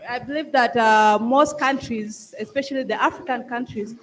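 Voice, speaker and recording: A woman's voice: on the high side, normal speed, slight background noise. A young woman from South Sudan, a student, asking a long question at a forum, hesitant with many fillers and restarts.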